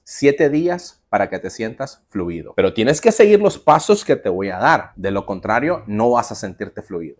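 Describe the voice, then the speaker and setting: A male teacher gives an online lesson and talks straight to the viewer. His pitch rises and falls a great deal, and it sits in the middle of the range. He sounds lively and makes playful promises. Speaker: English teacher for call center jobs.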